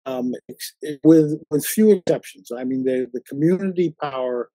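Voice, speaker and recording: A man hosting a conversational interview, talking haltingly with many fillers and restarts. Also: on the high side, warm tone, no room sound, low-quality recording. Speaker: interview host.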